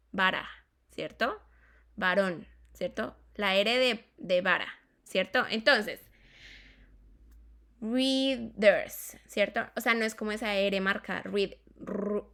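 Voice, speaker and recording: A woman's medium-pitched voice, sharp and clean, leads a classroom lesson on English phonetics. She spells out sounds slowly and deliberately, repeats words, and regularly checks in with her students.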